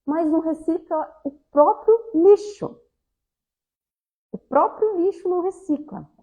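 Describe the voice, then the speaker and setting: A woman's voice: extremely high pitch, a little slow, mellow, poor audio. A woman giving a spiritist talk, speaking conversationally and often addressing the audience directly. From southern Brazil. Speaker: lecturer at a spiritist center.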